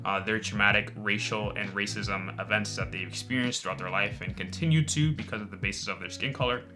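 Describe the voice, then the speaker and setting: A man's voice: on the low side, fairly quick, music in the background. Earnest young man introducing a video project. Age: young adult. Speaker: student filmmaker and interviewer.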